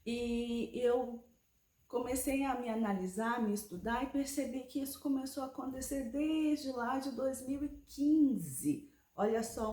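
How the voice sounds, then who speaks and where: A woman's voice: on the high side, darkish tone. A woman in her forties explaining a health topic in a conversational personal vlog, often checking in with the viewer. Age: 40s. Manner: conversational, explanatory, with frequent tag questions. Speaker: vlogger. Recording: echoey room.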